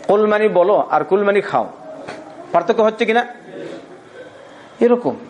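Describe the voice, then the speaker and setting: High-voiced man preaching a tafsir sermon. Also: animated, a little hiss or hum. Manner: asks the audience rhetorical questions; recites Arabic verses slowly, then explains. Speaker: Quran teacher giving tafsir.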